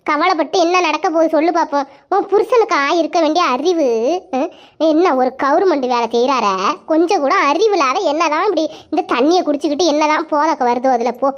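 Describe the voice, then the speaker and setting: A woman's voice: sits high, fairly quick, close to an everyday voice. A woman voicing a put-upon young village housewife in a cartoon, grumbling and lamenting, on a dull lo-fi recording.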